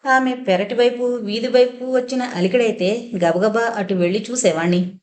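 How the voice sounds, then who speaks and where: A woman reading a first-person novel aloud as a narrator, steady and storytelling, lifting her voice for quoted lines. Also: fairly high pitch, normal speed. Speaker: audiobook narrator.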